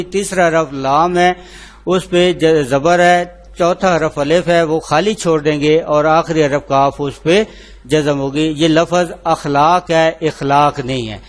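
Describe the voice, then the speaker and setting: A man teaching an online lesson, spelling words out letter by letter in a slow, deliberate way and answering his own questions. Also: a little high. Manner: repeats filler phrases, asks and answers himself.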